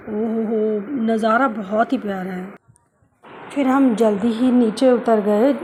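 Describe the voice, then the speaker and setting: A woman's voice: medium pitch, darkish tone, slight background noise, poor audio. A woman narrating her pilgrimage travel vlog, devoutly guiding viewers through temples as if on a tour. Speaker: travel vlogger.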